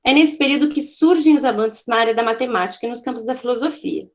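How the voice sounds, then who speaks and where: A woman's voice: fairly high pitch, quick pace. A woman teaching an online art class, explaining in a chatty way with a Brazilian Portuguese accent, often checking in with her students and correcting herself.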